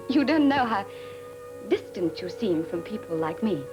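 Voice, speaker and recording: An eager young dress designer. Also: female voice, medium pitch, big pitch swings, measured pace. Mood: earnest, caring. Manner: eager, earnest and deferential. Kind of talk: 1950s film acting. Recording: old film soundtrack with music.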